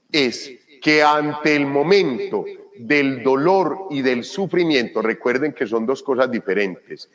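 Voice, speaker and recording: A man with a Colombian accent, a priest giving a gospel reflection, retelling scripture as lively, colloquial dialogue and calling his listeners children. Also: mid-range voice, in a large hall. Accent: Colombian Spanish.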